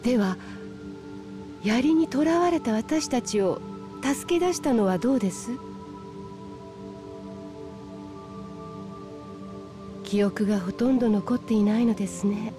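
A woman's voice: a little high, close to an everyday voice. An actress playing a composed, caring female water spirit in a video game, speaking politely and formally. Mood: gentle. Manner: polite, measured formal speech. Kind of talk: Japanese RPG cutscene voice acting. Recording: game soundtrack music behind.

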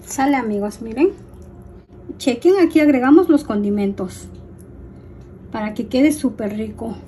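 A middle-aged woman from Mexico with a Mexican accent hosts a home cooking tutorial. Her voice sits high, and she chats frankly and casually with her audience, calling them friends. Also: measured pace, dark tone, a little hiss or hum. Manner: chatty, frank, addresses viewers as friends. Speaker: cooking channel host.

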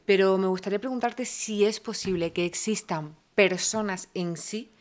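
A woman's voice: medium pitch, moderate pace. A woman interviewing a guest in a webinar, asking her questions thoughtfully and conversationally.

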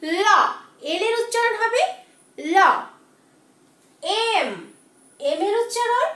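A woman teacher giving a children's English alphabet lesson, repeating each sound slowly and quizzing her pupils. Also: extremely high pitch, expressive. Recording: echoey room, voice from far off.

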